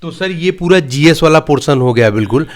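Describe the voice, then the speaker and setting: A man's voice: fairly high pitch, animated, brisk. A man interviewing an exam topper. He asks short questions and constantly affirms and echoes his guest.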